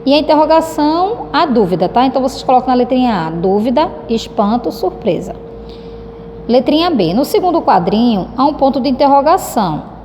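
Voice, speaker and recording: A woman's voice: fairly high pitch, dark tone. A Brazilian woman teaching a recorded lesson. She speaks affectionately and keeps checking in with her students. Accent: Brazilian Portuguese. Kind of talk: recorded lesson explaining a textbook. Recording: reverberant room with faint background noise.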